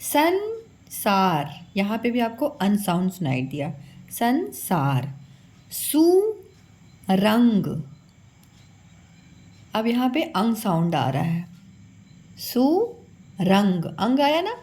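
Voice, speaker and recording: A woman's voice: medium pitch, very animated, moderate pace, few pauses, darkish tone. A woman teaching children a phonics lesson, patiently sounding out each syllable and calling her pupils "beta".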